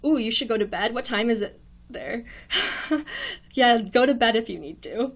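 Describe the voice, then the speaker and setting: A shy, quiet young woman with an American accent, chatting casually on a livestream from her dorm room, reading viewer comments aloud with lots of ums and little laughs. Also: on the high side, moderate pace. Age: young adult. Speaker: livestream host.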